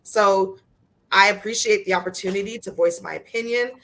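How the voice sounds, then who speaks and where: A woman speaking earnestly as a panelist in a casual discussion, plain-spoken and quick to laugh. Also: mid-range voice, a bit bright.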